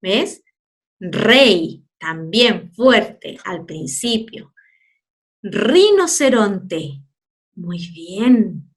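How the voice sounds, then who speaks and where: Very animated at a medium pitch, this Chilean Spanish–accented primary school teacher teaches kids phonics, slowly drawing out each word she demonstrates and sprinkling in playful asides.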